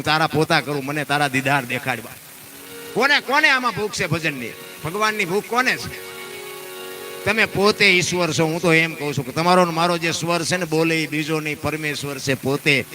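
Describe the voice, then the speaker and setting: A man, telling folk stories and giving emphatic, preacher-like moral talk. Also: sits high. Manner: lively, emphatic, preacherly, acts out quoted people. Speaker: dayro folk storyteller. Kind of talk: folk storytelling and moral talk before an audience.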